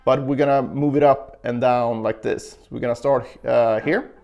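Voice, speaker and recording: A man's voice: medium pitch, steady tone, moderate pace, gravelly, muffled recording. A man teaching a guitar lesson, explaining step by step and counting beats aloud as he plays. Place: indoor room with carpet. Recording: guitar heard faintly behind the voice. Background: guitar playing.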